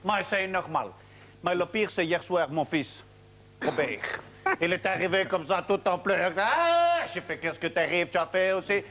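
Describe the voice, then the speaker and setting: Hapless dad, high voice, rambling, long-winded, TV sketch. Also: male voice, normal speed, fairly bright tone. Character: bumbling hapless father, middle-aged man. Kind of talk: TV comedy sketch.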